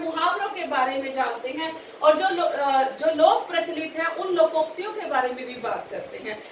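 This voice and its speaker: A woman's voice: high-pitched, fairly bright tone, recorded from a distance, a little hiss or hum. A woman teacher giving a grammar lecture to trainee teachers. She asks rhetorical questions and keeps checking that the class is following. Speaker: teacher educator. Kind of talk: recorded Hindi grammar lecture. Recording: echoey room, voice from off-mic.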